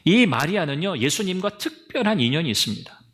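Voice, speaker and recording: A male pastor giving a Sunday sermon with animated storytelling, speaking directly to his congregation and acting out the people in the story. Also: fairly high pitch, brisk.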